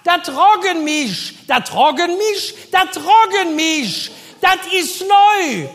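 Woman as a shouting back-room shop worker, high and very lively, in a reverberant hall. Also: exaggerated voice. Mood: bellowing. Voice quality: loud, drawn-out, dialect-heavy.

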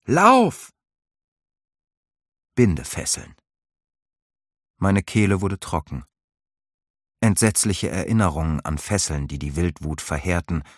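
A man's voice: deep voice, no echo, clean studio sound. A man narrating a fantasy novel in the first person and giving voice to the characters' lines. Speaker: audiobook narrator.

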